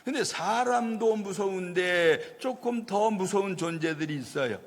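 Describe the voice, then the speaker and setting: A man's voice: high-pitched, expressive, measured pace, in a large hall. A male pastor preaching a storytelling sermon, acting out the voices of people in the story. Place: church sanctuary.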